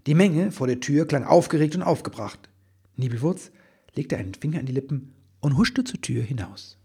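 Very husky man reading a story. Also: fairly high pitch, lively intonation, moderate pace, mellow. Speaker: narrator. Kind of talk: storybook narration.

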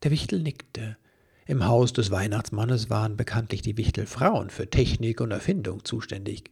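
A man reading a children's story aloud, lively and doing voices for the characters. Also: on the low side, normal speed, vocal fry, breathy edge. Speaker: narrator.

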